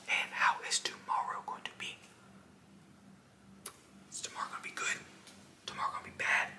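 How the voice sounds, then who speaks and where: Male in his twenties, fast whispering ASMR, very bright and hissy, breathy, aggressive and insistent, roomy sound. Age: 20s. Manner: aggressive, insistent, clipped and repetitive, addressing the listener directly. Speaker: ASMR host. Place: small indoor room.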